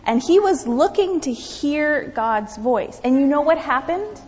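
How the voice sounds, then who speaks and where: A woman's voice: high voice, unhurried. A woman pastor giving a children's message in church, asking the kids questions and often dropping to a whisper. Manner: animated, questioning, drops to whispers. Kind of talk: children's sermon. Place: church sanctuary. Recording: dull recording in a reverberant church.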